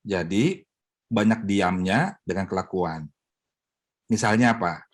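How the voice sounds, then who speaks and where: A man's voice: deep voice, slow pace. Middle-aged pastor guy, jokey bible study teacher, acts out little prayers. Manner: animated, joking, mimics wives praying.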